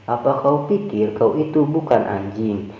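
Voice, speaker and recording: A man's voice: mid-range voice, measured pace, natural voice. Brief: man doing icy vengeful young hero from a comic recap, scornful, roomy dull sound. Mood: contemptuous. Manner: contemptuous, threatening. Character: young male cultivator, cold, vengeful.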